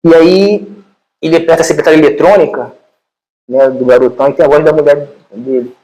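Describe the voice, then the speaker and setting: A man with a Brazilian Portuguese accent giving an informal lecture, retelling a film in an animated, colloquial way with many repeated fillers. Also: a little high, fairly quick, poor audio.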